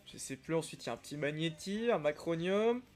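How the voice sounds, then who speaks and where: Young guy on a live stream, kinda high voice, chatty and excitable, soft music in the background. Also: fairly quick. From Algeria. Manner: chatty and excitable, greets viewers by name. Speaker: streamer opening trading cards. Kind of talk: casual live-stream chat reading comments.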